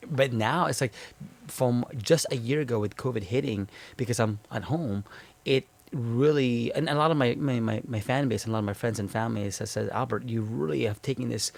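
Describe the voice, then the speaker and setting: A man's voice: mid-range voice, a little fast. A man guest telling his small business story in casual chat, often repeating words and quoting himself with "I'm like".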